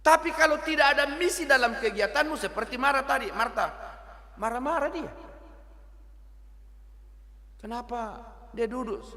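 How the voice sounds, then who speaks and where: A middle-aged male pastor preaches in a high voice. He is lively and teasing, and mixes local words into his sermon. The sound carries a long church reverb. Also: normal speed, long pauses.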